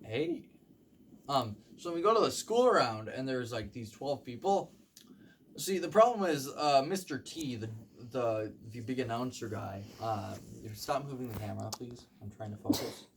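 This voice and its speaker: A young man doing rambling stand-up comedy, halting with ums and likes and acting out the voices of people in his stories. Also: mid-range voice, expressive, slight background noise. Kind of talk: rambling comic storytelling.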